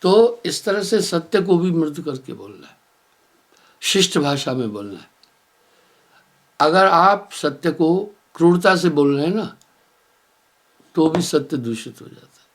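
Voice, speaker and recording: A man giving a sermon as a spiritual teacher, telling moral stories in an unhurried way and chanting verses slowly. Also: a little high, expressive. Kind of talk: sermon with storytelling.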